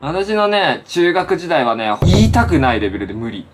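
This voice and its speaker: A man's voice: a little high, sing-song, normal speed. A man in his thirties hosting a casual get-ready-with-me chat, playful and chatty, speaking in a feminine-styled way. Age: 30s. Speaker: channel host. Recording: clear background noise.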